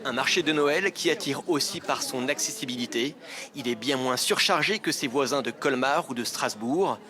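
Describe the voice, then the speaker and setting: A man's voice: mid-range voice, moderate pace. Male news reporter over crowd murmur. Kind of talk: scripted TV news report narration. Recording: market crowd murmur behind. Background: crowd at a Christmas market.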